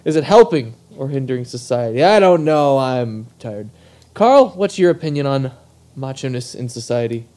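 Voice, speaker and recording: A man's voice: medium pitch, lively intonation, moderate pace, warm tone. A young man hosting a casual comedic podcast, joking in mock-formal phrases and swearing casually. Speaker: podcast host.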